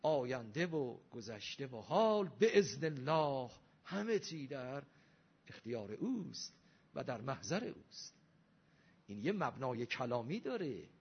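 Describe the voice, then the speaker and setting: A man's voice: mid-range voice, creaky, a little hiss or hum. A man giving a religious lecture, arguing with rhetorical questions and emphatic rising delivery. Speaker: Shia cleric lecturer. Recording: dull lo-fi recording.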